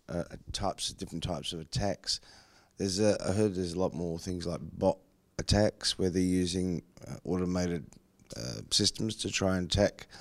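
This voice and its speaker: A man's voice: deep voice, no echo. A man asking a question at a panel discussion, hesitant, with many uhs. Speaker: audience member asking questions.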